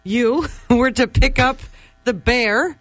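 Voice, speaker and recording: A woman's voice: on the high side, slow, no room sound. A woman co-hosting a radio morning show, telling stories and giggling easily. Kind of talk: radio banter and story telling.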